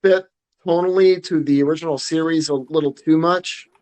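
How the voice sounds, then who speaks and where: A man's voice: fairly high pitch, steady tone, moderate pace, a little mellow. A man co-hosting a podcast, talking casually and hesitantly, often restarting his sentences. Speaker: podcast co-host. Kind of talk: casual chat.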